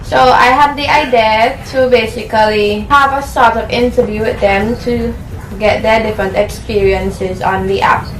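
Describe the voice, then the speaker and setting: A young adult woman from Saint Vincent and the Grenadines, with a Vincentian accent, interviews a guest over a casual call from work. Her voice sits on the high side at a normal speed, and her manner is relaxed and chatty as she asks plain questions. The room is echoey, she's far from the mic, there's slight background noise and other voices around.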